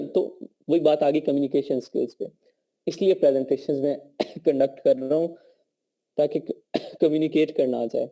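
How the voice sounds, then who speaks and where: A man's voice: a little high, fairly even intonation, unhurried, dark tone. A man with a Pakistani accent and a sore throat, teaching a live online course over a call and checking in with his students often. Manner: conversational teaching, frequent check-ins. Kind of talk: live online class lecture.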